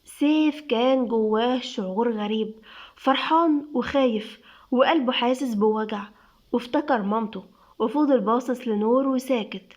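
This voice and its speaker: High-voiced Egyptian woman storyteller. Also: normal speed, a little mellow. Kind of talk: story narration. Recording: dull lo-fi sound.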